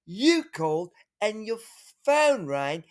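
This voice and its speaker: High lively guy rambling on, like, right?, telling a wild story. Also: slow. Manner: rambling, many fillers and tag questions. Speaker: father telling an adventure.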